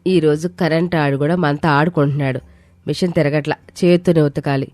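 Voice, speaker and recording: A woman's voice: sits low, fairly even intonation, brisk, a little mellow, dry recording, natural voice. A woman voicing a bossy older mother-in-law who gives orders and scolds in a cartoon story. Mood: commanding. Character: stern older mother-in-law running the house.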